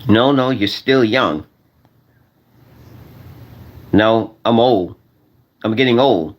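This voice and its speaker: A man's voice: lowish voice, takes it slowly, highs cut off. A man in his forties rambling to his viewers in a casual monologue, repeating phrases over and over and using slang. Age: 40s. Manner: repetitive, restarts and repeats phrases; slangy, addresses viewers as y'all. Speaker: vlogger.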